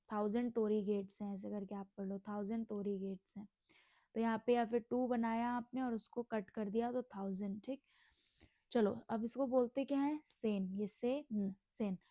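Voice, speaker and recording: A young woman from India teaching a casual language lesson, repeating each word slowly and asking and answering her own questions. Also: a little high, warm tone, no echo.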